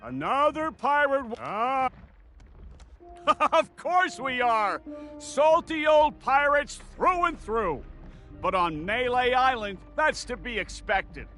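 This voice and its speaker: Jolly old salty pirate man from a game, takes his time, sharp lively voice. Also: very high-pitched, slow, faint music behind, full character voice. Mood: jovial. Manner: hearty, theatrical storytelling. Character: cheerful, chatty salty old male pirate townsman. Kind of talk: video game character acting.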